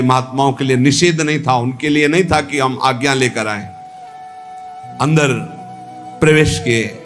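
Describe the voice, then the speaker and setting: A man giving a devotional discourse, telling an old legend and voicing the characters' lines himself. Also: mid-range voice. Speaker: spiritual teacher.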